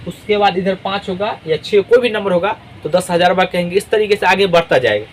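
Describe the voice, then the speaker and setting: A high-voiced man patiently teaches a math class step by step, reading numbers slowly digit by digit and often checking that students follow with "ठीक है ना". Faint traffic hums behind him, and the audio is poor.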